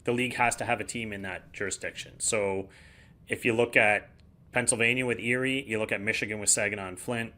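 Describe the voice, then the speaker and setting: Bright-voiced hockey analyst. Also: male voice, on the low side, brisk. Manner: explanatory, relaxed, plain-spoken. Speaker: podcast co-host, hockey analyst. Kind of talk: casual sports analysis.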